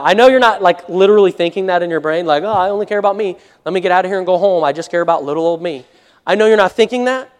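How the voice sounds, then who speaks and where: A man preaching a sermon as pastor, talking conversationally, acting out his listeners' excuses and chuckling at his own jokes, moving between loud emphasis and soft asides. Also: high voice.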